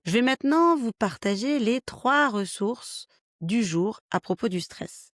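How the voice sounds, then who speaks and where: A woman's voice: on the high side, lively intonation, a little slow, fairly bright tone, dry recording, soft background music. Frank woman with a dry, close sound. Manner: explanatory, frank, lists practical tips. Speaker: podcast host, health worker. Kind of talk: solo podcast talk, lightly scripted.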